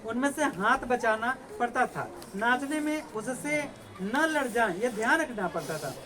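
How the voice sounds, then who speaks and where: A man's voice: very high voice, lively intonation, unhurried. A male teacher giving a classroom lecture, explaining the lesson, asking students rhetorical questions and reciting verses. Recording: noisy classroom recording.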